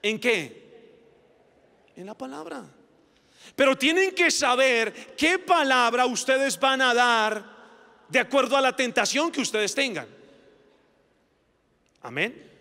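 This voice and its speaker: A male pastor preaching a sermon with passion, his voice climbing to shouts at its peaks. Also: extremely high pitch, expressive, takes it slowly, long pauses. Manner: impassioned preaching, rising to shouts. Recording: reverberant hall.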